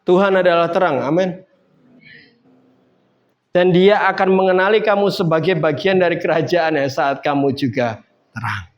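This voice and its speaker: A man's voice: on the high side, moderate pace, long pauses. A man preaching a sermon in a casual, conversational way, building up to emphatic points. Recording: dull lo-fi sound.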